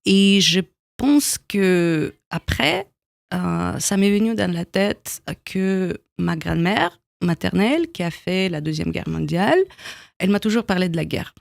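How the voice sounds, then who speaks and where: A woman in her thirties speaks French with a Russian accent, her voice gravelly with vocal fry. She answers at a measured, halting pace, stopping often to search for words. The studio sound is dry and close. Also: fairly low pitch, lively intonation, no room sound. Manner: thoughtful, halting, with many pauses and small grammar slips. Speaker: guest, documentary filmmaker. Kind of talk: radio interview. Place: radio studio.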